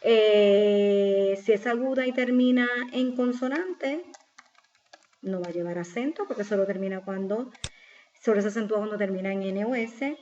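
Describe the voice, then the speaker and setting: A woman's voice: medium pitch, moderate pace, dark tone. A woman teacher patiently explaining a spelling exercise step by step, asking questions and answering them herself. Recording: slightly dull lo-fi recording with faint noise.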